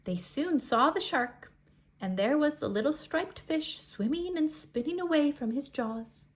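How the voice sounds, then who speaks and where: Young children listen as a woman with a high-pitched voice reads them a picture book. Her reading is expressive and full of deliberate dramatic emphasis.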